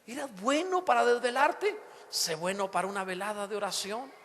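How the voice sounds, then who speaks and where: Preacher, male, very high bright voice, theatrical delivery, church hall reverb. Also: normal speed, a little hiss or hum. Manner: animated, acts out quoted voices, sudden shouts. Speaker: pastor. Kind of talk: sermon. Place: church sanctuary.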